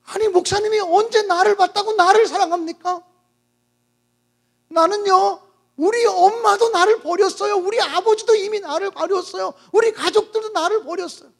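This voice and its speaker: A preacher playing a dying young woman, very high, gravelly, shouting through sobs, bitter, desperate. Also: moderate pace. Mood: scornful. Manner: shouting and sobbing accusations.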